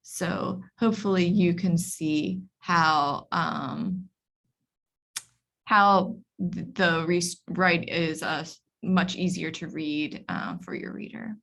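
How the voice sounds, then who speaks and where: Slow, careful woman teaching a workshop. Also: lowish voice, creaky, fairly bright tone. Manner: explains step by step, many ums and restarts. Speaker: library workshop instructor. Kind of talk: online workshop lecture. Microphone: video call.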